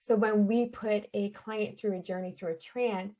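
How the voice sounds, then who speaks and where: On a rough recording, a mellow, medium-pitched female voice speaks at a moderate pace with fairly even intonation. She is from Canada and works as a shaman and energy healer, and as an interview podcast guest she earnestly describes her spiritual healing practice in a conversational manner.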